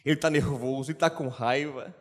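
A man's voice: medium pitch, fairly even intonation, a little fast, voice pushed down, close to an everyday voice. A Brazilian man voicing a downcast, fearful male prophet who blames himself, with a fretful manner. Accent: Brazilian Portuguese. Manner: fretful, self-blaming. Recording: long hall reverb.

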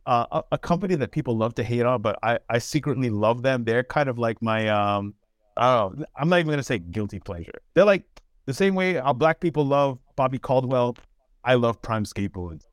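A man in his forties co-hosting a casual podcast, animated and slangy, laughing easily. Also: mid-range voice, fairly quick, no echo, studio quality. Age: 40s. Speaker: podcast co-host.

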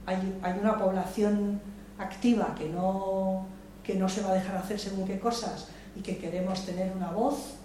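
At a public debate session in a large hall, an older woman from Madrid talks politics spontaneously, sounding reflective and hesitant, restarting often and repeating words. Her voice is warm and medium-pitched, with fairly even intonation and a moderate pace. The room is echoey, and she sounds far off with faint noise.

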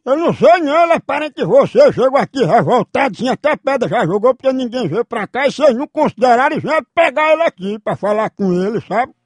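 A man, hosting a prank phone call, insistent and fast-talking. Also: very high-pitched, lively intonation, breathy edge, no room sound. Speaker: prank-calling radio host.

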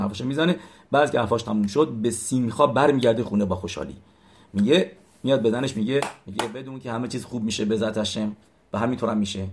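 A man, retelling religious stories in a halting way, with many fillers and restarts, and lifting his voice for the quoted lines. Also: lowish voice, vocal fry. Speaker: storyteller.

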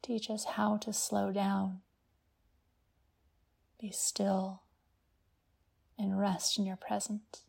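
Woman, guided meditation, sleep story narration, soft breathy near-whisper, mellow tone, creaky edges, gentle and unhurried. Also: mid-range voice, flat delivery. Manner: hushed, gentle, unhurried delivery with long pauses.

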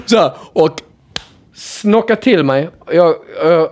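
A young man spins a chaotic tale to friends in an animated, laughing way, peppering it with swearing. His voice sits a little high and leaps around a lot. It is casual chat between friends. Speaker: storyteller among friends.

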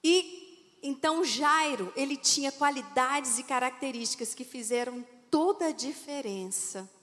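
A woman's voice: sits high, a bit bright. A woman pastor with a Brazilian Portuguese accent, preaching a sermon in an emphatic way and asking the congregation questions. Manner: slow, emphatic preaching with call-and-response questions. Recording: long hall reverb.

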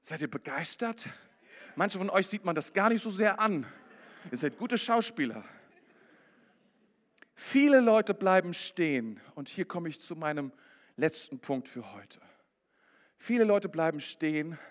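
A man preaching a sermon to a congregation, swinging from loud exclamations to quiet, earnest appeals. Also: a little high, expressive, moderate pace. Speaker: pastor. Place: church hall before a congregation. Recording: with background music.

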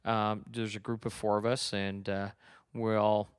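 A man's voice: lowish voice, level tone, unhurried, clear, resonant tone, dry recording, studio quality. A middle-aged man hosting a casual, friendly chat. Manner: friendly, chatty, informal. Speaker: host, interviewer. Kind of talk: casual conversation.

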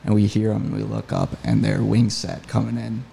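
Gravelly, dark-toned man, keen podcast storyteller. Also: fairly low pitch, brisk, a little hiss or hum. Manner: enthusiastic, animated retelling. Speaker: podcast guest, hunting guide. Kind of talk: casual storytelling.

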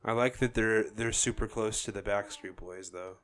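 A man's voice: fairly low pitch, steady tone, normal speed, fairly bright tone. Offhand man in casual conversation. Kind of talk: casual chat.

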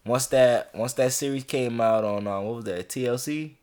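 Laid-back man co-host, halting speech. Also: mid-range voice, darkish tone. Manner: laid-back, hesitant, many fillers. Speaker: podcast co-host. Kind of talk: casual chat.

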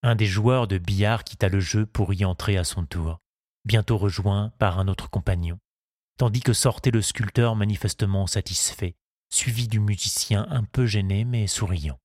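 A man narrates a story in a measured, even audiobook reading. His voice is low and husky. The recording is dry and close, with no room sound. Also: no echo.

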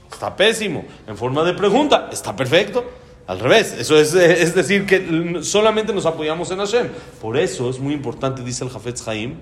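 Male Torah teacher, slightly raised pitch, lively storytelling with fillers. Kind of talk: Talmud lesson.

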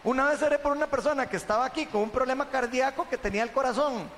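Hombre costarricense de voz aguda, testimonio animado. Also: male voice, very high-pitched, very fast, big-room sound, slight background noise. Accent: Costa Rican. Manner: chatty, animated storytelling, tags sentences with "¿verdad?". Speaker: church member giving testimony. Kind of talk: personal testimony to a congregation.

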